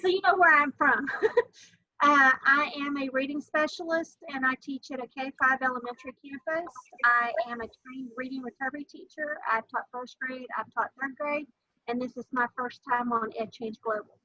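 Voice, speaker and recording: A woman's voice: high-pitched, steady tone, normal speed, bright, forceful tone, no echo. A woman from Texas, a reading specialist, giving a friendly, chatty introduction over a video call. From Greenville, Texas. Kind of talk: casual self-introduction. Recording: dull dry video-call audio.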